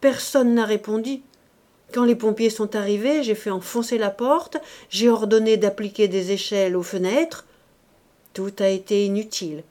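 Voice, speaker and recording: A calm, obliging middle-aged official reassures in a storybook scene, voiced by a woman. He is steady, measured and firm. The timbre is mellow. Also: mid-range voice, close to an everyday voice. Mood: reassuring.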